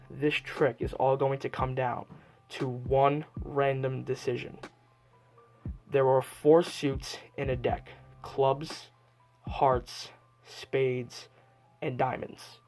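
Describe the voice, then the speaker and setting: A man's voice: medium pitch, darkish tone. A man presenting as a card magician, explaining each step to viewers in a patter-like way. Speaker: card magician and video host. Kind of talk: card trick performance narration, addressed to viewers. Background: music.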